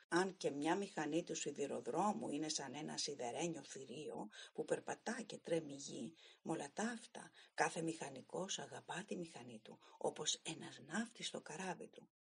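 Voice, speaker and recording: A woman's voice: low-pitched, breathy edge, heavily acted. A woman voicing an old retired male train engineer who tells his story in a grave, plain-spoken way.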